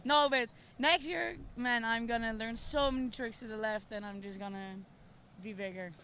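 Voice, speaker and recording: A woman's voice: fairly high pitch, normal speed, a bit bright, a little hiss or hum. A young woman competitor giving a post-event interview on an outdoor stage at night, talking hesitantly with many fillers and restarts. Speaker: kiteboarding competitor.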